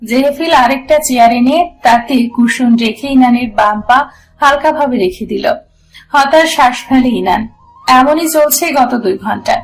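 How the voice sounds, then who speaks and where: A woman narrating a romance audio story in a steady storytelling manner. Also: high-pitched, poor audio.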